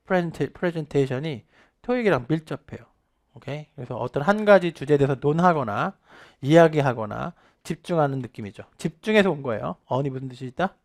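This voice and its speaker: In an online test-prep lecture, an English teacher in his thirties keeps the energy high, having students repeat drilled phrases while his pitch and volume rise and fall for emphasis.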